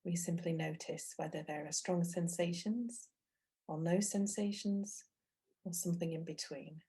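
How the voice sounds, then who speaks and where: Her voice fairly low, mellow and soft-edged yet slightly rough, a woman leads a guided meditation with fairly even intonation. As a meditation teacher she speaks gently and unhurriedly, pausing at length between short phrases.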